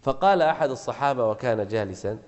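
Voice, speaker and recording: A man preaching a sermon in a mosque, building to loud emphatic peaks and putting rhetorical questions to his listeners. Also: medium pitch, lively intonation, fast, dull audio. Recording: long hall reverb in a mosque.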